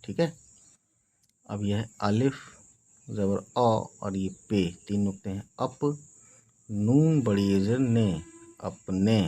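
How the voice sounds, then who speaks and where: A man teaching beginners to read, spelling each word letter by letter and reassuring often that it is easy. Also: lowish voice. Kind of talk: slow spelled-out reading lesson.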